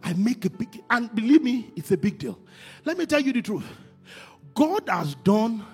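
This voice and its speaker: A man preaching a sermon, moving from quiet talk to shouted, sing-song emphasis. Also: fairly high pitch. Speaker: pastor.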